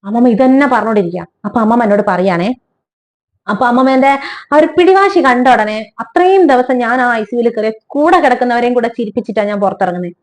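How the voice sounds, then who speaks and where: A woman's voice: fairly high pitch, quick pace. A young woman, telling a personal story in a heartfelt, conversational way. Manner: heartfelt, conversational, animated retelling.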